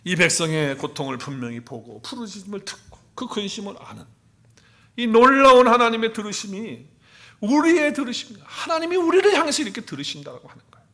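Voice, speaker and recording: A male pastor preaching a sermon, swinging from hushed whispers to loud exclamations. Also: high-pitched, very animated, quick pace.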